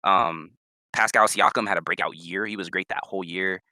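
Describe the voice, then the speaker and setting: A young man co-hosting a casual sports podcast, rambling and repeating words, his pitch jumping up when he gets emphatic. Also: steady tone, moderate pace, pushed and bright, dry recording. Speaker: podcast co-host.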